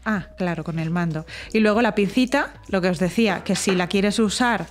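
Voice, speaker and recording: A woman's voice: mid-range voice, moderate pace. Chatty woman with a Spain Spanish accent. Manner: chatty, exclamatory, thinks aloud while doing chores. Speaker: home decor vlogger. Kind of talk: casual vlog chat to viewers.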